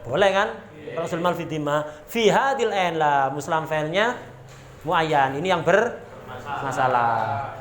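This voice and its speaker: A man with a Javanese accent, pitched high, teaching a classical religious text. He reads Arabic phrases, explains them, quizzes his listeners and slips in small jokes. The recording sits in a roomy, echoing space with a faint hiss behind him. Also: animated, takes it slowly, fairly bright tone. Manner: reads Arabic terms then explains them, asks rhetorical questions, jokes. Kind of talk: pesantren kitab lesson.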